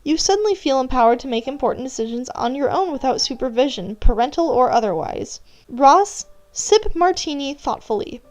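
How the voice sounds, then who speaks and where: Her voice is high and expressive with a darkish tone, and she keeps a moderate pace as she reads scripted narration that addresses the listener as the character, in the second person. Background music plays throughout.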